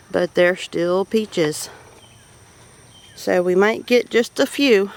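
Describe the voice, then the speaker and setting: Out in her homestead garden, a Southern woman with a creaky, medium-pitched voice leads a folksy, off-the-cuff tour as a vlogger, rambling appreciatively as she goes. The noisy recording is full of birds, roosters and farm animals.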